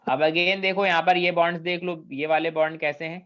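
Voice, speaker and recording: Pitched on the high side with fairly even intonation, this man talks a little fast while lecturing on chemistry. He blends English technical words into Hindi and regularly asks students questions to gauge their understanding. The audio is dull and lo-fi.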